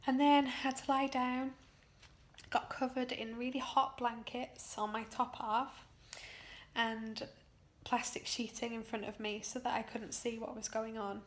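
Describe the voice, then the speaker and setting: A British woman, worn out after surgery, recounting her experience in a personal video diary in a halting, emotional way, leaning on key words. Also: fairly high pitch, little pitch movement.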